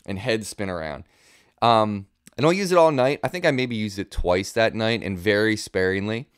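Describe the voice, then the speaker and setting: In a small home studio, a man in his thirties gives an informal guitar gear demo, speaking close into a boom-arm studio mic with no room sound. His lowish, smooth voice is expressive and moves at a moderate pace as he thinks aloud while explaining.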